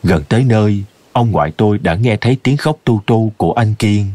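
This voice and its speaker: A man narrating a scripted horror story in a slow, ominous storytelling manner. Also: fairly low pitch, mellow, dry recording.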